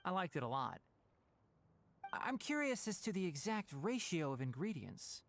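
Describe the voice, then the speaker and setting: A man's voice: high-pitched, big pitch swings, moderate pace, creaky, a bit bright, a little hiss or hum, full character voice. A man playing a clever young forest ranger, articulate and patient with dry exasperation, in a video game. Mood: curious.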